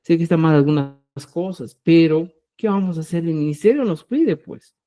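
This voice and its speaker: Guy teaching quechua live, kinda high voice, slow syllables, keeps asking ya?. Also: lively intonation, dark tone, dull audio. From Peru. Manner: explanatory, keeps checking in with "¿ya?", spells out syllables slowly. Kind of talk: live online class.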